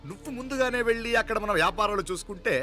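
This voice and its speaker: A domineering scheming patriarch. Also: male voice, high voice, racing, sharp tone, soft background music. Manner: commanding, scolding. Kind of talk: Telugu film acting.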